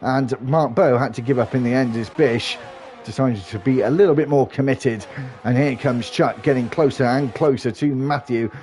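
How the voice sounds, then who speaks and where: A man commentates live on an online sim race in a steady running flow with small restarts, sounding a bit stuffy from hay fever. His mid-range voice moves at normal speed, with faint music behind it.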